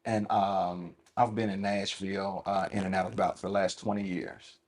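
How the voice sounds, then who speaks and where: A man's voice: low voice, flat delivery, normal speed, darkish tone. A man from West Tennessee, a club co-founder speaking as an interview guest in an easygoing way. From Milan, West Tennessee. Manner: easygoing, uses fillers like "like" and "uh". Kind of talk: casual interview talk.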